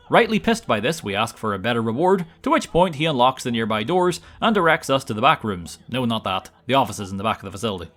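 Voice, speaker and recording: A man's voice: mid-range voice, fairly bright tone. A man narrating gameplay from a script in a wry, casual, tongue-in-cheek manner. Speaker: gaming video narrator.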